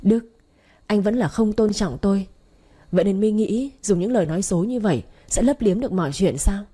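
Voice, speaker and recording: A woman's voice: medium pitch, a little fast, warm tone, slightly rough, natural voice. A woman voicing a hurt, furious young wife who accuses her husband in a raised voice, with faint music behind. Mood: tearful accusing.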